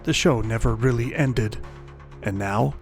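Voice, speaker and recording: A man narrates a horror story in a gravelly, mid-pitched voice, with a measured and dramatic delivery. Faint music runs underneath the narration.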